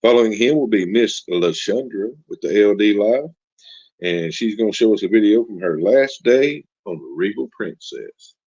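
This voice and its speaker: A man's voice: on the low side, expressive, normal speed, darkish tone, no echo, lo-fi sound. A man hosting a live stream in a casual, folksy, joking way, reading out and answering chat comments. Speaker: livestream host.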